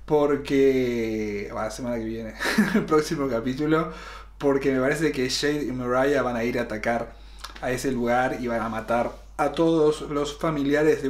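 Chatty young man in an echoey room. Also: medium pitch. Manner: chatty, thinking aloud with fillers. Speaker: series reaction host. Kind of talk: casual review. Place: room lined with collectible shelves. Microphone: fixed camera, seated facing it.

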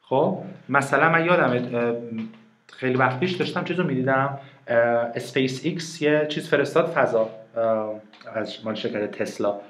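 Giving a private online reading lesson, this man explains grammar in Persian while using English examples. His medium-pitched voice is a bit bright, and he's patient, posing questions to his students and then answering them himself. The room sounds echoey.

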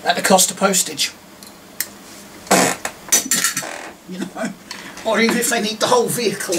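Heavy noise surrounds this middle-aged English diecast vlogger as he sorts a box of toy cars at his desk indoors, narrating casually with self-mocking remarks. He speaks at a normal speed in a voice that sits high, recorded on a distant mic amid clicks and clatter.

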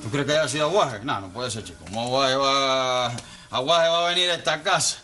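A man with a Cuban accent playing an excitable, bossy old man in a TV comedy sketch, fretting and exclaiming often. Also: medium pitch, a little fast, faint music behind, lightly acted. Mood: flustered fussing. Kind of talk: TV sitcom acting.

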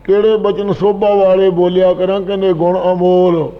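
A man's voice: high-pitched, little pitch movement, moderate pace, in a large hall, dull audio. A man earnestly expounding scripture line by line, addressing his listeners directly.

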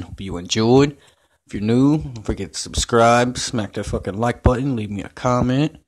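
A man's voice: fairly low pitch, a little hiss or hum. A man hosting a video channel, giving a casual, upbeat sign-off. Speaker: channel host. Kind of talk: video outro.

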